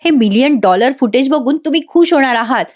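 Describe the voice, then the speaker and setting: A woman voicing a young man who is secretly outwitting a liar, calm and knowing. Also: high-pitched, brisk.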